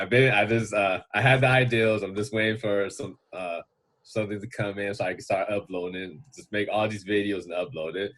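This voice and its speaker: Brief: male podcast guest, lowish voice, halting and full of fillers. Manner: hesitant, many fillers and restarts. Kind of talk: casual chat.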